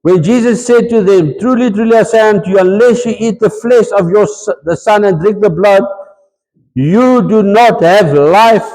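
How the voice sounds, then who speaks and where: A South African man preaching in a lively, conversational way, switching between English and Afrikaans as he goes. His voice sits high for a man, and it rings with the long reverb of a church hall. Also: moderate pace. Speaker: pastor. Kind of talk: sermon.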